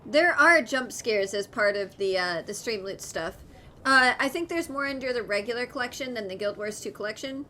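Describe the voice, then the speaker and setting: A woman's voice: on the high side, moderate pace, bright, forceful tone, slight background noise. A woman streaming a game, reacting casually in a gushing, easily moved way.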